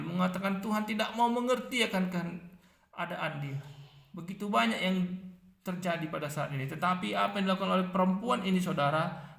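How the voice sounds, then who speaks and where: High-voiced gravelly preacher, echoey room. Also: male voice, fairly bright tone. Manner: emphatic preaching with repeated phrases. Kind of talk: sermon.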